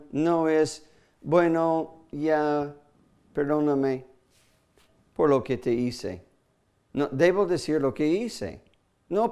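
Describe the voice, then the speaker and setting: A male Bible teacher gives a recorded lesson at an unhurried, very slow pace. He speaks deliberately, repeats his key words and pauses to check that his listeners are following. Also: mid-range voice, darkish tone.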